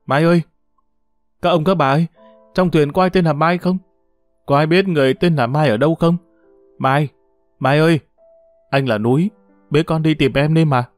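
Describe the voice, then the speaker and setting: A man's voice: a little high, normal speed, pauses often, no room sound, faint music behind, voice pushed up, lightly acted. A man voicing a desperate young father. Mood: pleading, desperate. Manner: calling out pleading and plaintive. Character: desperate young father searching for his wife.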